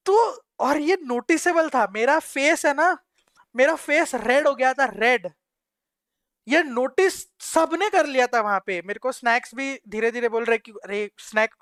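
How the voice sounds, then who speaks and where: A young man with a Mumbai Hindi accent, a live streamer excitedly telling his chat a slangy, animated story. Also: extremely high pitch, no room sound, clean studio sound.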